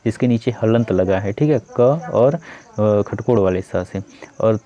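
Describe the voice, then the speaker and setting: Deep-voiced man teaching grammar. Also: measured pace, warm tone. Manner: explains step by step, repeats key terms, many fillers. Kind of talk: exam-prep grammar lesson. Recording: dull lo-fi recording.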